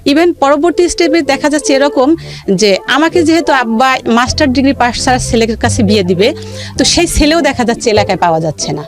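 With music underneath, a woman from the Bangladeshi countryside describes her life for a radio interview, her Bangladeshi accent clear. She speaks fairly quickly in a high voice with lively intonation, repeating phrases for emphasis.

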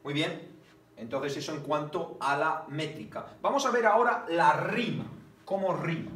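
A male teacher giving a classroom lecture, often pausing on fillers, counting syllables aloud and checking whether the class understands. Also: fairly high pitch, fairly bright tone. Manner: checks understanding with repeated rhetorical questions; frequent hesitation fillers. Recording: roomy, distant mic.

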